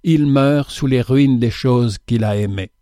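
A man reads a religious parable aloud in a measured, solemn voice, at a middle pitch. The sound is close and dry, with no room echo. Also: warm tone. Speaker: reader.

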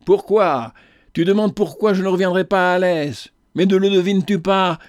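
A man's voice: a little high, normal speed, darkish tone, no echo, studio quality, close to an everyday voice. A man voicing a fervent indignant young woman. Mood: fervent indignation. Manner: passionate, declamatory.

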